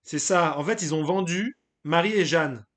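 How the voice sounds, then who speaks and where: A man's voice: fairly high pitch, normal speed, a bit bright. A man hosting a live stream, chatting casually and loosely, giving his opinions and greeting viewers from the chat, with frequent hesitations.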